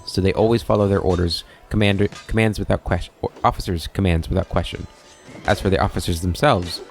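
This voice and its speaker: A man reading the lines of a disciplined veteran soldier who speaks in a formal, measured way. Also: fairly low pitch, natural voice.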